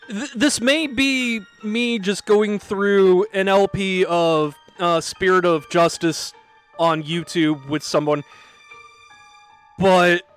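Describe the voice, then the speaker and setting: A man's voice: high-pitched, fairly bright tone, clear, resonant tone. A man giving casual, reactive commentary while streaming a game, swearing casually. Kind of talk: casual let's-play commentary.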